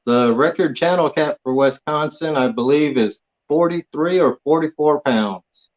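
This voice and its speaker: A man's voice: fairly high pitch, measured pace. A man from Hawaii, a guest on a chat show, talking in a laid-back, plain-spoken way with short answers. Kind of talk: casual interview chat. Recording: dull lo-fi audio.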